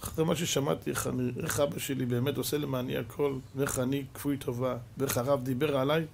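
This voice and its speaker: A man with an Israeli accent voicing a crying boy in a sermon story, speaking softly and tearfully. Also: mid-range voice, level tone, vocal fry, slight background noise, pitched below the performer's own voice, lightly acted. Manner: soft, tearful. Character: remorseful boy, crying and promising to change.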